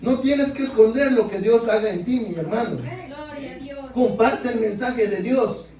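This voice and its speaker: A man's voice: very high-pitched, a little slow, crowd noise. A man preaching a sermon in a church, repeatedly calling out to his brothers and asking rhetorical questions. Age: adult. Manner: keeps addressing listeners as brothers, asks rhetorical questions. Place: church sanctuary. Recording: echoey church, mic far off.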